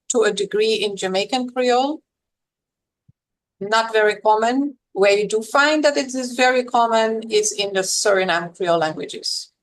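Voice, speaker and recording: A woman academic explains a subject as a podcast guest. Her voice sits slightly high, and she talks in a measured, lecture-like way, with small fillers between points. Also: poor audio. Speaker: linguistics professor and guest. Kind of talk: explanatory interview talk.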